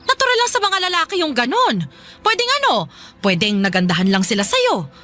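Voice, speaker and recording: This woman's exaggerated voice is high-pitched and swoops wildly, coming at a fairly quick pace. She's cast as a middle-aged mother in a Filipino radio drama, defensive and quarrelsome, scolding and dismissing. Her tone is dismissive and reproachful, full of argumentative, pointed questions thrown back.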